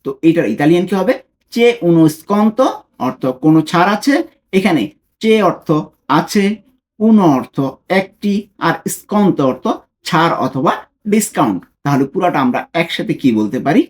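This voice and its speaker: Lesson video tutor from bangladesh, voice jumps up and down a lot, says phrases super slow word by word then explains them. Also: medium pitch, lively intonation. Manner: drills foreign phrases slowly, word by word, then glosses each. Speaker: language tutor. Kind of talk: language lesson narration.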